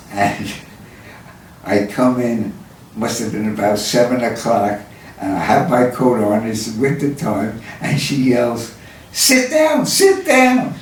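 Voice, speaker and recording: An older man from New York telling family stories in a slow, halting way, chuckling now and then. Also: medium pitch, a little mellow, a little hiss or hum. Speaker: interviewee. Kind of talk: reminiscing storytelling. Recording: echoey room, far from mic.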